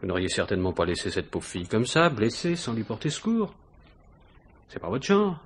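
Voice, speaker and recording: A male actor plays a probing, ironic police inspector in a 1950s-style French radio mystery, falsely casual and insistent as he asks hesitant, insinuating questions. His husky voice sits on the low side, fairly quick, with big pitch swings and an exaggerated delivery.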